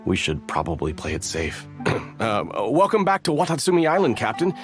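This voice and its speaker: A man's voice: mid-range voice, huge pitch swings, moderate pace, soft background music. A man playing a disgruntled, nervy, gossipy foot soldier in a video game. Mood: nervous, evasive. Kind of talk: video game character acting.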